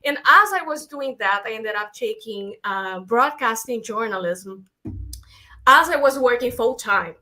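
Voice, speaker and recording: Bright, high-voiced woman. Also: a little slow. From Latin America. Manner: animated storytelling, acts out her own past thoughts in quotes. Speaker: guest filmmaker. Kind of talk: casual interview chat.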